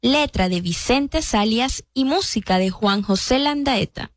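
Higher-voiced woman making a formal radio announcement. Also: animated, unhurried, dry recording.

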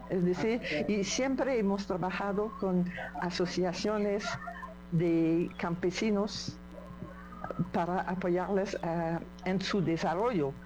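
A woman's voice: fairly low pitch, noisy background. A woman from an aid association answering interview questions, hesitant with many fillers.

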